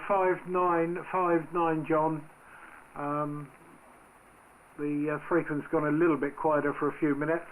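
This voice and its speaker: A man with a slightly high voice runs an amateur radio net. He talks in informal, hesitant call procedure over a shortwave link with light background static. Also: low-quality recording.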